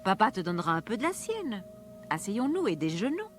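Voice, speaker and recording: A woman voicing a mother bear in a high, exclaiming storybook voice. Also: very animated, a little fast, faint music behind, natural voice.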